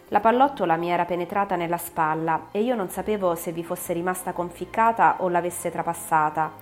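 Woman reading an audiobook, lowish voice, slow and dramatic, bit of music behind. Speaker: audiobook reader. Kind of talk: scripted narration.

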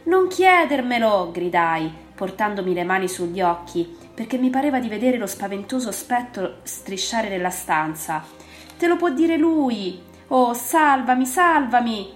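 A woman's voice: mid-range voice, normal speed, few pauses, lightly acted. A woman voicing a haunted young male scientist, feverish and frightened, in an audiobook. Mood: terrified. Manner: tense, then frantic cries. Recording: roomy with faint music.

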